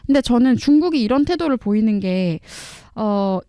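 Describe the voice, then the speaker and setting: A woman's voice: fairly high pitch, expressive, moderate pace, dark tone, clean tone, no echo. A woman speaking as a political commentator guest on a talk show, emphatic and assertive.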